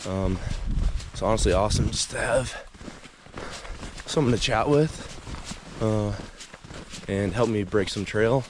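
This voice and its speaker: A man's voice: on the low side, unhurried, pauses often. A man talking casually to his camera while trudging through snow outdoors on a windy trail. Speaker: hiking vlogger filming himself. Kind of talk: casual outdoor vlog talk. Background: wind and outdoor noise.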